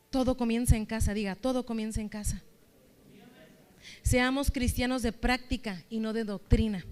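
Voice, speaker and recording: A woman's voice: a little high, a little mellow. A woman church leader preaching a sermon, exhorting her listeners with strings of rhetorical questions.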